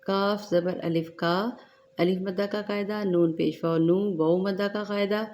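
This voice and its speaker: A woman teaching Quran recitation in a tajweed lesson, explaining each rule slowly and deliberately between drawn-out recited words. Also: medium pitch, fairly even intonation, a little mellow.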